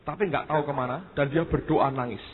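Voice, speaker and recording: A man's voice: on the high side, fast, a little hiss or hum. Male pastor, tinny recording. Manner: storytelling, often addressing the congregation as "saudara". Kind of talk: sermon. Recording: tinny phone-like sermon recording.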